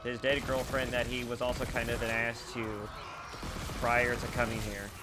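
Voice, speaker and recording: A man's voice: mid-range voice, flat delivery, normal speed, very noisy. A man giving a casual, crude and sarcastic commentary on a horror game as he plays, swearing freely. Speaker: gameplay streamer. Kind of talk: casual let's play commentary.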